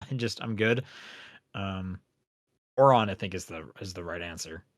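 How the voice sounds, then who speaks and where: A man's voice: sits low, moderate pace, a bit bright, dry recording, studio quality. A man co-hosting a casual podcast, talking in a rambling, hesitant way. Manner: rambling, hesitant, lots of fillers and restarts. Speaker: podcast co-host.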